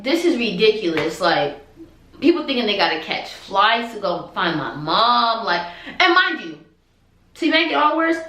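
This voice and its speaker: A young woman vlogger telling a storytime tale in an animated, dramatic, exasperated way. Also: on the high side. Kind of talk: storytime vlog. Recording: echoey room.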